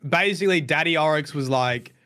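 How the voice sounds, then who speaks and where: A man's voice: a little high, a little fast, bright, forceful tone. A man co-hosting a casual podcast, laughing often as he retells game lore with playful quoted voices. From outside the US. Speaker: podcast co-host.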